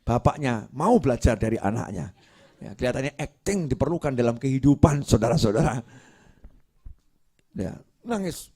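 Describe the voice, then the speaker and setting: A male preacher delivers a lively, jokey sermon. His voice sits at an ordinary middle pitch and swings from hushed asides to loud, excited bursts. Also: normal speed, long pauses, breathy edge.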